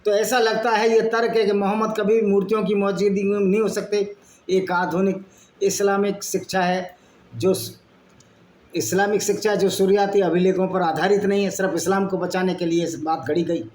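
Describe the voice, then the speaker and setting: High-voiced man reading in an echoey room. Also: little pitch movement, moderate pace, a little mellow. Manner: argumentative, mixes reading with blunt asides. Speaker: channel host. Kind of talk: reading and commenting on texts. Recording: echoey room with faint background noise.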